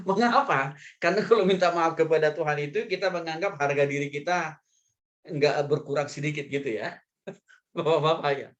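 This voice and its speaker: A man's voice: fairly high pitch, normal speed, lo-fi sound. Pastor guy preaching, chatty and jokey, keeps chuckling and talking straight to the men. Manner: lively, humorous, chuckles often, addresses the men directly. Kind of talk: sermon.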